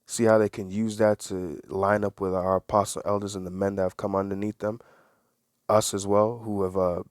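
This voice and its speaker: A man with a fairly low voice delivers preachy religious commentary. He leans hard on certain words, circles back to repeat phrases, and fires off rhetorical questions. The sound is dry and close, with no room echo. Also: little pitch movement, normal speed. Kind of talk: preachy commentary with read-aloud news.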